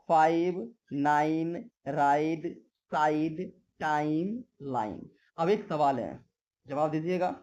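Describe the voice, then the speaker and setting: Mellow-voiced male teacher drilling words. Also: fairly high pitch, muffled recording. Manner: asks and answers his own questions, drills word lists slowly. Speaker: English teacher. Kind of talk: classroom-style video lesson.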